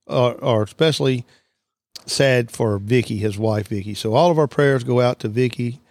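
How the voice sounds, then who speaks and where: Man, podcast host, folksy and rambling, mid-pitched voice, dry close sound. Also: darkish tone, no echo. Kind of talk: casual podcast talk.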